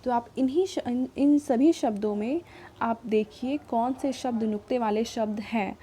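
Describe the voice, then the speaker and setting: A woman teaching a grammar lesson to children, patiently repeating and rephrasing each point and slowing down to sound out example words. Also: a little high, warm tone, slight background noise.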